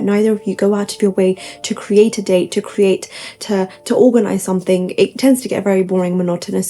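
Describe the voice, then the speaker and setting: A woman's voice: mid-range voice, mellow. A young woman giving upbeat, tidy self-help advice to camera, point by point, with gushing emphasis and repetition.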